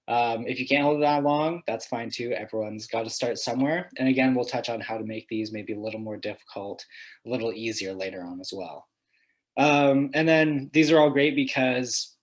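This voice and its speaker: A man's voice: medium pitch, far from the mic. Stretch instructor guy, laid-back and encouraging, stands back from a desk mic in an echoey room. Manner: casual and encouraging, counts holds aloud. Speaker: fitness instructor. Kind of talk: guided stretching class. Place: room, moving away from the mic while standing.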